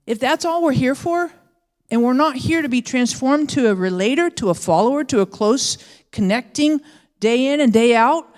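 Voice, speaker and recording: A woman's voice: sits high, lively intonation, normal speed, darkish tone. A woman pastor giving a sermon, telling the story in a casual, conversational way and briefly acting out the voices of its characters. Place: church. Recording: long church hall reverb.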